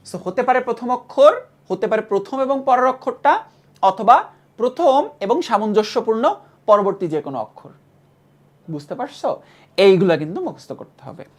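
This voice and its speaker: Bangladeshi lady teacher, keeps repeating stuff and asking the class quick questions. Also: fairly high pitch. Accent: Bangladeshi Bengali. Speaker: chemistry teacher. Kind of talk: classroom lecture.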